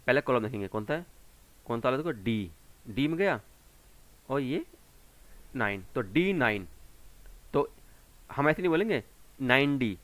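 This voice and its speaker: A man's voice: mid-range voice, a bit bright. A man teaching a computer class to children, patiently walking through each step and answering his own questions as he goes. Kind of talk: screen-recorded tutorial explanation.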